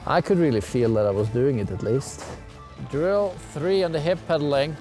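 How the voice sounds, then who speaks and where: A man's voice: fairly high pitch, moderate pace, dark tone. A young man giving a casual ski lesson to camera, outdoors on a mountain. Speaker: ski instructor. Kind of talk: casual instructional talk to camera. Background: music.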